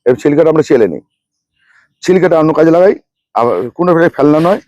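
Fast-talking man showing gardening steps. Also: fairly high pitch, animated, a little mellow, no room sound, muffled recording. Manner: chatty, repeats amounts and names of each ingredient. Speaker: rooftop gardening channel host. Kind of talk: hands-on gardening demonstration.

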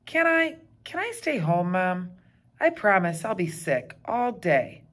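A woman's voice: lowish voice, very animated, slow, a bit bright, voice pushed up, heavily acted. A woman reading aloud, voicing a stubborn, dramatic schoolgirl who pleads and whines. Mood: whiny. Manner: whiny, pleading.

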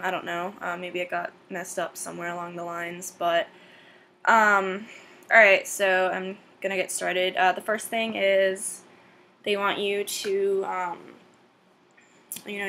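Young woman, New England accent, slow and hesitant, bright tone, faint room hiss. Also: mid-range voice, rough recording. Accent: Boston-area New England. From Massachusetts, New England. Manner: hesitant, full of ums, reads a word list. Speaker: vlogger. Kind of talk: casual accent-challenge vlog.

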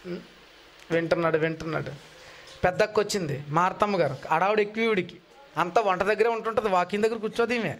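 A man preaching a sermon, retelling Bible stories in an animated way and acting out the voices he quotes. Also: high voice, fast. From India.

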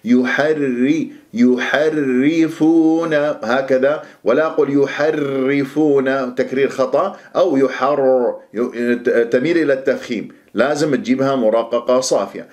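A man teaching the rules of Quran recitation. He explains each rule plainly, then recites phrases slowly and carefully to show them. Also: mid-range voice, a little mellow. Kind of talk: tajweed lesson, explaining and reciting.

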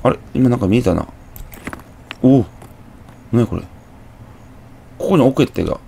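Gravelly Kansai man narrating a horror game. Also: medium pitch, animated, moderate pace, mellow. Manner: chatty, muttering to himself, jumpy exclamations. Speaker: gameplay commentator. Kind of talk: horror game let's play commentary.

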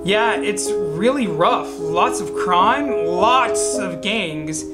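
A man voicing a wisecracking, protective teenage boy as he reads the boy's text messages aloud, with loud guitar music behind him. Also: high voice, lively intonation, very slow, exaggerated voice. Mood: joking. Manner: teasing, wisecracking delivery. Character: joking teenage guy friend, protective and wisecracking. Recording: music playing loudly behind.

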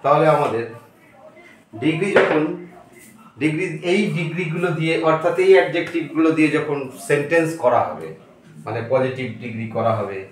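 A man teaching English grammar in a slow lesson, repeating words and spelling them out letter by letter. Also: on the high side, a little hiss or hum. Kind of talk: slow classroom-style lesson. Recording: very echoey room, distant mic.

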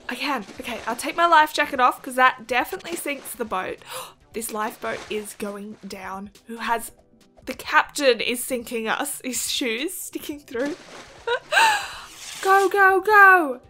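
A young woman giving chatty, excitable game commentary, gasping and giggling as she reacts. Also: fairly high pitch, moderate pace, faint music behind. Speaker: gaming video host.

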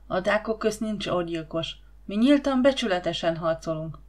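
A woman's voice: medium pitch, animated, close to an everyday voice. A woman playing a fiery young slave girl. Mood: indignant. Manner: passionate, indignant outbursts.

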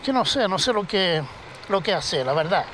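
Motovlogger, man, higher voice, chatty and salty, helmet-cam take with loud traffic noise. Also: normal speed. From southern Spain. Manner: chatty, animated storytelling with swearing. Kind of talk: casual chat while riding. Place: outdoors on a motorcycle at night, city streets. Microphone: helmet-mounted action camera. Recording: loud street and engine noise. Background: traffic and city street noise.

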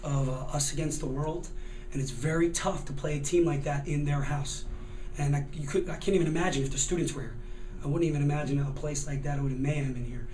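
A man's voice: fairly high pitch, steady tone, brisk, darkish tone, recorded from a distance, slight background noise. A man in his thirties, a basketball coach giving a postgame press interview, talking earnestly and often repeating words as he searches for them. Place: hallway by sponsor backdrop, indoors. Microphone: handheld reporter mic below frame. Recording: echoey hallway, camera set back.

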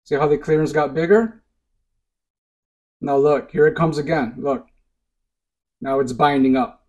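Guy on his hobby channel, kinda high voice, keeps saying look, see right here, at the workbench. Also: measured pace, a little mellow, lo-fi sound. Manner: insistent, repeats short pointers like "look" and "see". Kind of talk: hands-on demonstration to camera. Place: indoors at a workbench.

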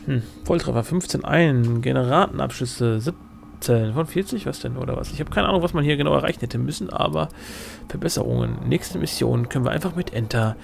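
A man's voice: medium pitch, a little fast, vocal fry, a little hiss or hum. A man giving casual commentary as he plays a video game, reacting aloud and talking back to the characters. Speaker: gamer commenting on own play. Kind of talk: casual let's play commentary.

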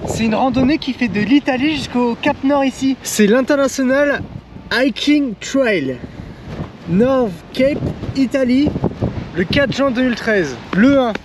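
With a very high voice and no rush in his delivery, the young travel vlogger shouts enthusiastically over fierce wind on a snowy cape, calling his audience "les gars." He holds the camera out at arm's length, its mic battered by wind, and later films in a van at night.

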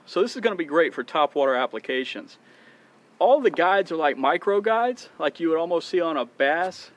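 A man in his thirties hosting a fishing channel, chatting eagerly to viewers as he unboxes gear on a dock. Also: fairly high pitch. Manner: enthusiastic, chatty, addresses viewers as guys. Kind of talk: casual product unboxing. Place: outdoors on a dock by open water.

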